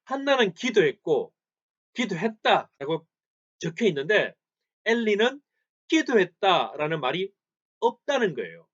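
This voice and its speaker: A male pastor preaching a sermon in church, asking the congregation questions, answering them himself and repeating phrases for emphasis. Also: sits high. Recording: slightly dull lo-fi recording.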